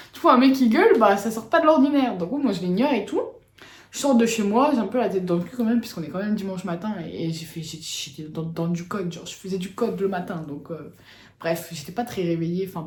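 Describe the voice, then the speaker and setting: A woman's voice: mid-range voice, a little mellow. Woman, casual storytelling, slangy, rambling, echoey room. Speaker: vlogger. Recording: roomy echo.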